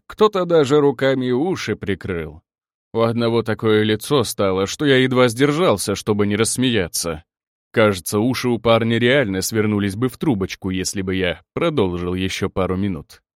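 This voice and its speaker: A man narrating a first-person audiobook in an expressive manner, sinking to a low murmur at tense moments. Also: normal speed, no echo, clean studio sound.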